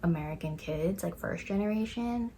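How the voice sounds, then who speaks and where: A young woman co-hosts a casual podcast chat, telling stories in a mixed Malaysian-Taiwanese accent with plenty of fillers and laughter. Her voice is mellow and medium-pitched, at a normal pace, with a little hiss or hum in the background.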